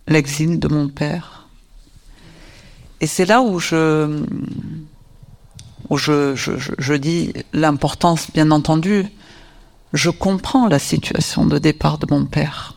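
A man with a fairly high, gravelly voice talks slowly and reflectively. He often repeats a word while searching for the next, and gives his remarks a thoughtful, unhurried shape. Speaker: workshop participant. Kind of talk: reflective talk.

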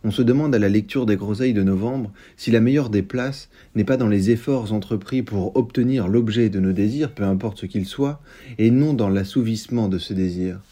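Calm man with a dark, husky voice. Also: lowish voice, moderate pace. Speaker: book reviewer and reader. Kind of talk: literary review with read-aloud excerpt.

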